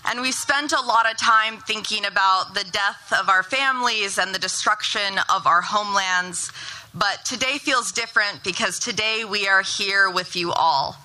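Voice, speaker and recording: A woman's voice: mid-range voice, sharp tone, rough recording. A woman from Palestine, a community organizer, giving an earnest, impassioned speech at an outdoor ceremony. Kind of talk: rally speech.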